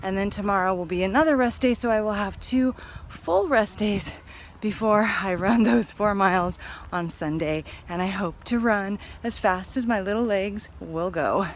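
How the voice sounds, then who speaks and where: A woman's voice: medium pitch, moderate pace. Woman vlogger walking outdoors, casual upbeat chatter, a bit winded, light traffic noise. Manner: chatty, upbeat, rambling with fillers. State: slightly out of breath. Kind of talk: casual vlog chat. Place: outdoors on a walk.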